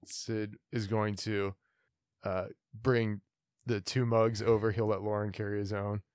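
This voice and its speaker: A man's voice: fairly low pitch, level tone, a little slow, darkish tone, dry recording, studio quality. A man who plays a tabletop game, casually narrating what his character does.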